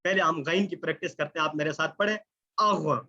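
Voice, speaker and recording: A man teaching an online recitation lesson, explaining patiently, checking in often and drawing out example words slowly. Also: on the high side, fairly even intonation, sharp tone, dull audio. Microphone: computer mic on a video call.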